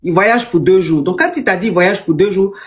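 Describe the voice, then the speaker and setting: A woman's voice: fairly low pitch, brisk. A woman hosting a live call-in advice show, often stumbling and repeating words as she starts her sentences. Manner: stammering restarts, repeats words. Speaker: host.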